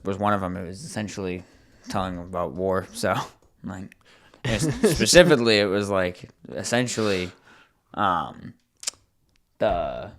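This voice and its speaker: Young male co-host, lowish voice, tired and laid-back, casual swearing. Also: a bit bright. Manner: laid-back, swears, agreeable filler replies. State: sleepy, yawning. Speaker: podcast co-host. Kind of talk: casual chat.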